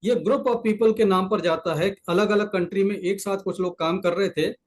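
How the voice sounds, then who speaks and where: A man's voice: high voice, steady tone, normal speed, slight background noise, poor audio. A man with an Indian accent giving an online presentation on a video call, explaining step by step and repeating key points, mixing English terms into Hindi. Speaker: presenter explaining a product's science. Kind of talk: online presentation sharing a screen. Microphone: computer mic on a video call.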